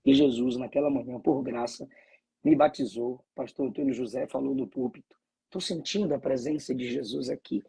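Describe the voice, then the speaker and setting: A man's voice: mid-range voice, moderate pace, creaky, mellow, slightly rough, rough recording. A man from Bahia, a pastor, speaking with fervent preacherly cadence and frequent hallelujahs. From Bahia, Brazil. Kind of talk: conversation and preaching reflection.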